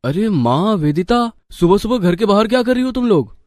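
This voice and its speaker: Man as a blunt cartoon husband, somewhat high voice, dry close sound. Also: very animated, moderate pace, a little mellow, no room sound. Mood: stern. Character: young husband, stern then apologetic. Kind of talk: cartoon story voice acting.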